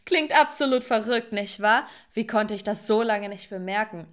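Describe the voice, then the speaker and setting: A woman's voice: mid-range voice, moderate pace. A young woman narrating a scripted first-person story and talking straight to viewers.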